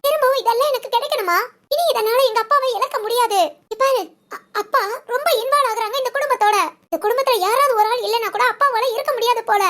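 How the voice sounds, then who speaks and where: A woman's voice: extremely high pitch, quick pace, fairly bright tone. A woman voicing an anxious, injured young married woman in a cartoon, talking in a tearful, pleading way. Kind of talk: cartoon voice acting.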